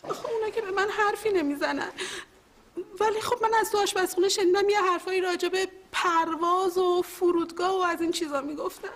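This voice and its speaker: An actress playing a whiny, self-absorbed young fiancée who complains constantly. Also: female voice, very high voice, a bit bright, slight background noise. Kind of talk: film dialogue.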